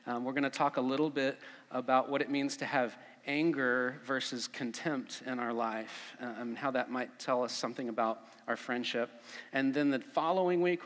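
Pastor at a pulpit microphone, male, mid-pitched, casual sermon, long echo in the sanctuary. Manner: casual and relaxed, with frequent fillers. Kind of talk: conversational sermon. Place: church sanctuary. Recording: long church reverb.

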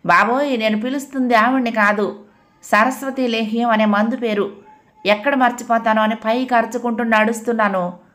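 A woman's voice: medium pitch, a little slow, pauses often, a bit bright, natural voice. A woman voicing a forgetful, easily flustered middle-aged office clerk who talks anxiously and pleads. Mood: pleading.

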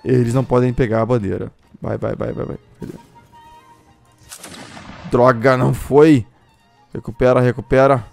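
A young man with a Brazilian accent giving excited gameplay commentary, often breaking into shouts while he chats to his viewers. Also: mid-range voice, moderate pace, creaky, long pauses. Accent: Brazilian Portuguese. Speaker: gameplay streamer. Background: faint classical music from the game.

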